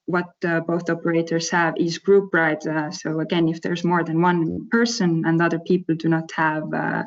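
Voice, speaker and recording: Low-voiced woman, halting delivery. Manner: hesitant, halting, with frequent pauses. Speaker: company representative for a scooter rental operator. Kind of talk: informal spoken presentation. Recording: dull, lo-fi sound.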